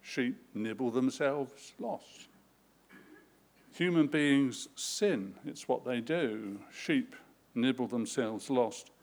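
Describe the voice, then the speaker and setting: A man's voice: mid-range voice, takes it slowly. A man preaching a sermon, telling stories with dramatic, repetitive flourishes. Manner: lively, dramatic storytelling with vivid repetition. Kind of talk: sermon with storytelling.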